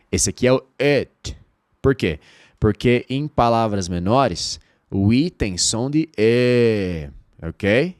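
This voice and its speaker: A Brazilian man with Portuguese as his first language, teaching an online English lesson and drilling phrases slowly with repetition. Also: fairly low pitch, dry recording, studio quality. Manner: lively, drills phrases slowly and repeats them.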